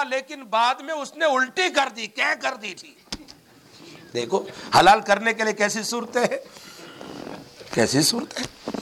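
A male Islamic scholar lecturing on religious law, his voice pitched unusually high and ringing bright. He tells cases as little stories and acts out both sides of the talk, suddenly getting louder or softer. Arabic sayings come out slow and weighty. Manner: acts out quoted dialogue in storytelling, with sudden swings in loudness. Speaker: Islamic scholar and madrasa teacher.

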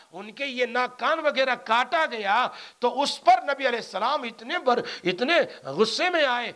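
Male preacher, commentary sermon; very high, lively pitch, emphatic peaks. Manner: animated, rises to loud emphatic peaks.

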